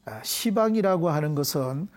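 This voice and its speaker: A middle-aged man leading a Buddhist prayer and explaining scripture terms to a class in a deliberate, measured way. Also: on the high side, animated. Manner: deliberate, measured, leads call-and-response repetition. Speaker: Buddhist dharma teacher. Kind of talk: devotional prayer and explanatory dharma lecture.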